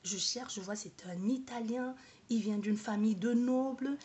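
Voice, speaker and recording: A woman with a fairly high voice tells her own story straight to the camera. She hesitates, restarts her sentences and repeats words while she searches for how to say things. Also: moderate pace, mellow. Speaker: vlogger. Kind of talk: personal testimony to camera.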